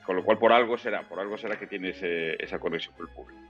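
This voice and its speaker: In a muffled, lo-fi interview recording with faint background music, a Spanish baritone who sings opera and zarzuela talks as a guest. His low voice is a bit bright, and he explains with care, searching for words as he goes.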